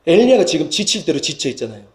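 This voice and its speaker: A man's voice: very animated, racing. A male pastor with a Gyeongsang accent, preaching a sermon earnestly and lifting his voice for emphasis. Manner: earnest preaching that rises in pitch and volume for emphasis. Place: church sanctuary. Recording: echoey church hall.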